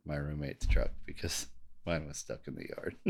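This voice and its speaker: A man's voice: rumbling low, huge pitch swings, measured pace, a little mellow. A male podcast co-host telling a story in casual chat, laid-back, laughing often and swearing casually.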